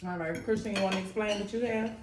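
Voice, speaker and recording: A woman hosting a casual family mukbang at home, relaxed and chatty as she prompts her sons and husband. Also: mid-range voice, fast talker, far from the mic. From New Orleans. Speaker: host, mother. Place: home dining table. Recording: echoey room, from off mic, faint noise.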